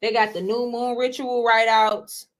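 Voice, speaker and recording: A woman in her twenties hosts her own show with a slightly high voice, flat delivery, and a somewhat slow pace. Chatting solo with viewers, she repeats words, addresses them as y'all, and asks "okay?"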